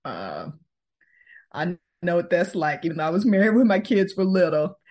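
A woman, answering interview questions in a thoughtful, unhurried way and laughing easily. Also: lowish voice, sing-song, a little mellow. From Texas, US. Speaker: podcast host, guest.

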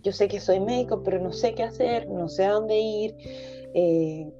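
A woman's voice: medium pitch, moderate pace, dull audio, over music. A young woman, a physician, telling her personal story candidly and emotionally in a podcast interview, with many hesitations. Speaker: guest, physician.

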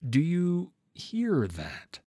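A man's voice: fairly high pitch, huge pitch swings, extremely slow, warm tone, no echo, clean studio sound, voice pushed up, heavily acted. A man voicing a grim, driven male monster hunter who speaks in short, commanding phrases. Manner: terse, commanding.

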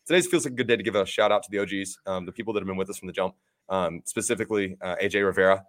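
Fast-talking young man, podcast host. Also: deep voice, a bit bright. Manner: upbeat, rambling, laughs at his own stumbles. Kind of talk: casual podcast chat with ad reads.

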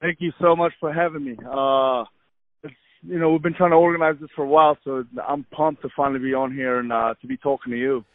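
A man's voice: fairly high pitch, quick pace, dry recording. Male guest, 30s, from Egypt, eager rambling chat, thin phone-line sound. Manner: eager, animated storytelling with many fillers. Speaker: podcast guest, fitness trainer. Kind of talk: casual interview chat. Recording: tinny phone-line audio, dry.

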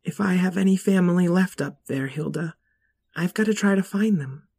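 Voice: mid-range voice, moderate pace, vocal fry, a little mellow, slightly rough, voice pushed up. A storyteller voicing a young, determined girl rabbit who talks earnestly. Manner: earnest, pleading.

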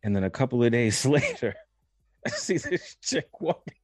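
A young man telling a personal story in a casual podcast chat, animated and laughing as he talks. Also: mid-range voice, moderate pace, slightly rough, no room sound, studio quality. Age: young adult. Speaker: podcast co-host.

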